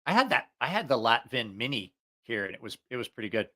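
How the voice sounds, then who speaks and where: A man's voice: medium pitch, very animated, fast, sharp tone. A man hosting a casual, rambling livestream about gear, profane and jokey, drifting off on tangents, a bit short of breath from allergies. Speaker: livestream host reviewing knives.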